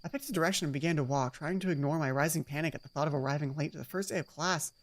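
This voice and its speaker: With music behind her, a deep-voiced woman hosts a let's play, reading a visual novel aloud very quickly and animatedly. She adds casual asides, keeps correcting herself, and repeats lines to rehearse them.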